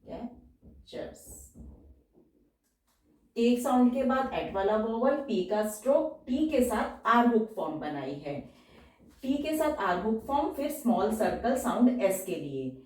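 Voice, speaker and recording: A woman teaching a shorthand lesson, going step by step and repeating each example word slowly. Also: fairly high pitch, big pitch swings, darkish tone. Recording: very echoey room, voice from far off.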